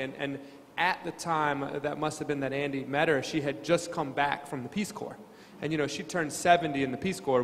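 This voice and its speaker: A man's voice: a little high, slight background noise. A man on a panel telling anecdotes with frequent restarts. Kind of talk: storytelling on a panel. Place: lecture hall. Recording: reverberant hall, faint ambience.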